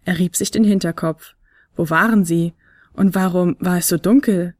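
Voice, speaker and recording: A woman narrating a children's advent story in a clear, steady storytelling voice. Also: fairly low pitch, moderate pace, no room sound.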